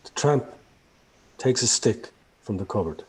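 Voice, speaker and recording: A man reads stage directions aloud at a measured, steady pace. His voice is quite husky and sits on the low side. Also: poor audio.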